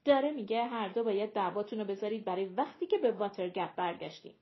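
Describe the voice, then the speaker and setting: A calm, level-headed young man, as a woman narrator voices him, steady and measured, close to her own voice. The audiobook sound is dull and lo-fi. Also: mid-range voice, natural voice.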